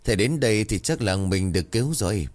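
A man's voice: lowish voice, expressive, fast talker, natural voice. Man voicing a young village servant, earnest, pleading tone. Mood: eager. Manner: pleading, eager.

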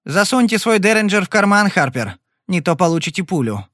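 In a storybook Western, a male narrator voices a cocky young gambler whose smooth, mocking tongue stays cool and sarcastic even under threat. The performance is very animated and a little fast, with a slightly high, fairly bright voice. It sounds dry and close, without echo.

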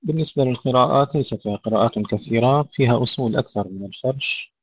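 A man's voice: medium pitch, bright, forceful tone, slight background noise. Man teaching Quran recitation rules. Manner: demonstrates words slowly and corrects common mistakes. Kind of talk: tajweed lesson with slow recited examples. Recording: dry, dull lo-fi audio.

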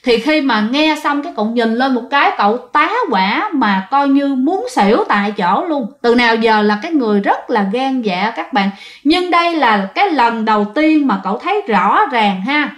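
Chatty Southern Vietnamese woman who tells ghost stories and talks to her listeners; fairly high voice, echoey room. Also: animated, normal speed. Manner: chatty, addresses listeners directly. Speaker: ghost story narrator. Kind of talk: casual spoken storytelling.

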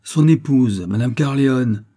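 A man's voice: mid-range voice, a little slow, mellow, husky. A man reading aloud and voicing a young wife, frightened yet brave, in breathless, pleading outbursts in a storybook. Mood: haughty.

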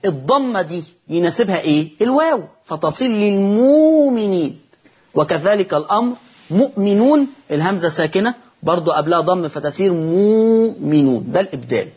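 Egyptian sheikh teaching quran reading, high husky voice, asks questions and answers them himself. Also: male voice, a little mellow. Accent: Egyptian Arabic. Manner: asks the class questions and answers them himself, models each word slowly. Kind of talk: explaining recitation rules.

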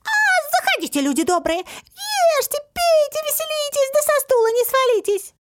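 A woman voicing a tiny, boastful, long-nosed little man from a children's story, with a thin, piercing, squeaky voice that shouts excitably. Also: moderate pace, slight background noise. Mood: excited.

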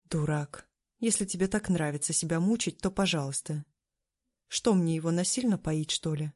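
A woman's voice: sits low, normal speed, no echo, clean studio sound. Woman playing a fiery, tearful young princess. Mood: irritated. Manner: loud, heated, sobbing outbursts.

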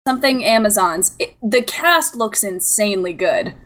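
A woman's voice: mid-range voice, expressive, normal speed, a bit bright. Female co-host, enthusiastic and blunt in casual banter. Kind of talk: casual chat.

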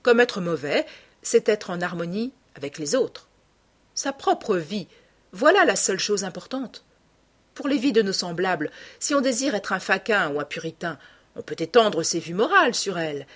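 A woman's voice: medium pitch, expressive, normal speed, lightly acted. A woman voicing a cynical, witty aristocrat. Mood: amused, languid. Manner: languid, epigrammatic, lightly mocking. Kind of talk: audiobook character reading.

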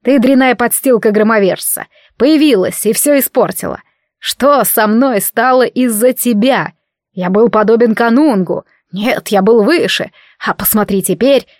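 A woman voicing a hateful, hysterical male theologian villain, with a nasal tone and hissing, drawn-out threats, in an audiobook reading. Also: a little high, dry recording, clean studio sound, close to an everyday voice. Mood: ranting. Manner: hissing, snarling, dragged-out threats.

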